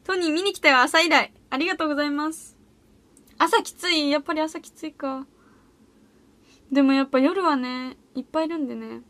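Bubbly high-voiced teenage girl streaming. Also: fairly quick, fairly bright tone. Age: teens. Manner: bubbly, giggly, reacts to viewer comments. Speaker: audition livestreamer. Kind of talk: casual solo livestream chat reading comments. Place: small humid room at home.

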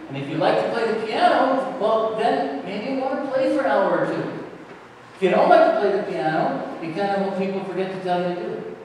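A middle-aged pastor gives a children's sermon, his voice sitting higher than most men's. He asks the seated children gentle questions. The sound comes from a distant camera in a large church, with long reverb and faint ambience. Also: lively intonation, brisk, slight background noise. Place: large church sanctuary, indoors. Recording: echoey church hall from far off.

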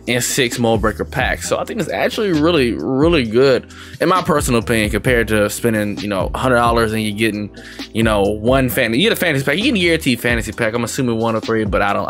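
A young man talks in a loose, slangy, sweary way while opening game packs for his viewers. His voice sits at an average male pitch, and game music plays behind him. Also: a bit bright. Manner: informal slangy talk, swearing. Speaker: gaming video creator. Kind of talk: casual chat over game pack opening.

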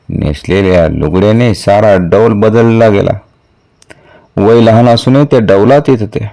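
Man, audiobook narrator, historical novel, measured delivery, deep mellow voice. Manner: measured, steady storytelling. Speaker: storyteller reading a novel aloud.

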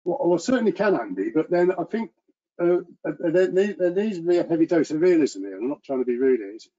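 A man presenting to an engineering meeting over a video call, talking earnestly in a monotone with frequent restarts. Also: a little high, fairly quick. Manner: self-described monotone delivery. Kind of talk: online presentation and Q&A. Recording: muffled lo-fi video call audio.

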